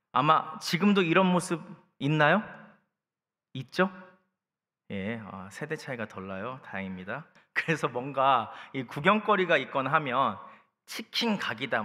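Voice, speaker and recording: A man in his thirties preaching a youth service sermon, telling stories with humor and speaking directly to the congregation. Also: mid-range voice. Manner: lively storytelling with humor, addresses the congregation. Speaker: pastor. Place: church sanctuary. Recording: long church hall reverb.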